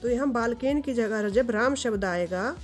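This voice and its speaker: A woman teaching a grammar lesson to viewers, reciting word forms in slow, steady lists. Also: fairly high pitch, soft background music.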